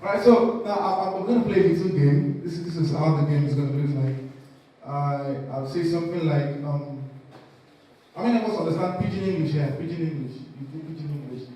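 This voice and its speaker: A man's voice: a little high, brisk, dark tone. A man with a West African accent playfully hosting a live word game, mixing English with Pidgin phrases and prompting the audience. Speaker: event host leading an audience word game. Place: echoing conference hall. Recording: very echoey hall, distant microphone.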